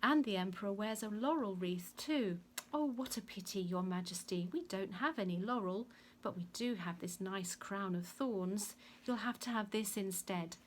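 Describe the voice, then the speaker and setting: A woman's voice: medium pitch, normal speed, a little hiss or hum, close to an everyday voice. A woman voicing a brutish, mocking Roman soldier in a dramatic Bible story reading. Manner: mocking, gloating.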